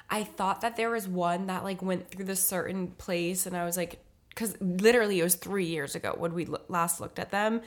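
A woman podcast co-host in casual chat, rambling and correcting herself as she talks. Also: mid-range voice.

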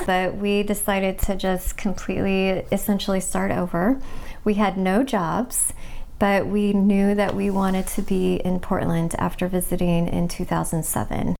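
A woman in her forties from the US Midwest speaks as an interview guest. Her voice sits at a middling pitch, and she tells her story in a relaxed, reflective way, taking thoughtful pauses. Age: 40s. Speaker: guest artist.

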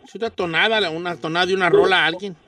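A man's voice: high-pitched, steady tone, racing, pushed and bright, dry recording, distant mic. A man playing a cheeky older Mexican radio host with a Mexican accent, joking and teasing callers. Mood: bantering. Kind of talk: comic radio call-in chat. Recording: off-mic with faint music.

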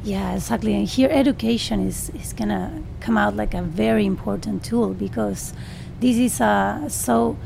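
A woman's voice: mid-range voice, moderate pace, creaky, few pauses, a little mellow, a little hiss or hum. A woman with an Argentine Spanish accent speaks non-native English as an interview guest, hesitating as she searches for words. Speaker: radio interview guest, artist and educator. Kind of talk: interview conversation. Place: radio studio.

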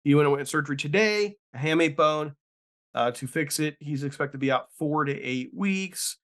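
A man's voice: fairly high pitch, normal speed, a bit bright. Chatty male sports podcast host. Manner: chatty, loose, self-correcting. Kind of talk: casual sports podcast chat.

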